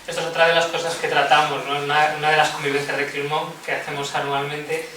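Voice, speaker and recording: A man's voice: on the high side, level tone, quick pace, pushed and bright. Male teacher, earnest panel guest, heavy room echo and background noise. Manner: earnest, emphatic, laughs often. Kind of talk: round-table discussion. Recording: echoey room, distant mic, noisy.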